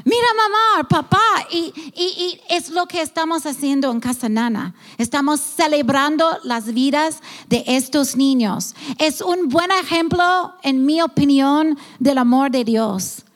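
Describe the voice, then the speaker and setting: A woman's voice: high-pitched, measured pace, few pauses, long reverb tail. A woman who leads a children's ministry, speaking earnestly and passionately about her work. She often searches for words and restarts her sentences. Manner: passionate and heartfelt. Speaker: ministry leader of a children's home.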